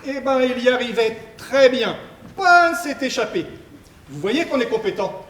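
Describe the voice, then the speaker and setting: A man's voice: very high voice, big pitch swings, moderate pace, fairly bright tone, slight background noise, exaggerated voice. Man as boastful simple guard, amateur stage play, folksy eager talk, distant echoey sound. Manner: folksy, eager talk that pushes his companion to speak. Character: simple, boastful hired guard, proud of his companion. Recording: echoey stage hall picked up from afar.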